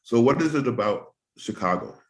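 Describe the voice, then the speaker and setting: A man hosting a casual interview, talking at length in a thoughtful, rambling way with frequent pauses and um's. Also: mid-range voice, expressive. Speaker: host.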